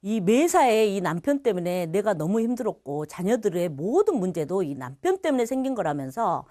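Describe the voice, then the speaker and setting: A middle-aged woman from Korea giving a personal faith testimony at church, telling her story in a lively way and acting out the voices of others. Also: mid-range voice, moderate pace, no room sound.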